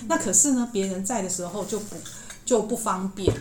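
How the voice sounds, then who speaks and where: A woman voicing a shy young female ghost, speaking softly and hushed in an echoey room. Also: mid-range voice, brisk, a little hiss or hum, close to an everyday voice. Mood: coy.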